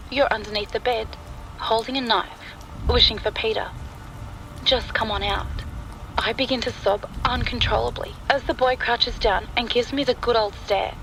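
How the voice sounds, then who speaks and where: A narrator with a mid-range voice reads a scripted first-person horror story over a rough recording. Rain and thunder sound effects run behind the voice as clear, steady storm noise.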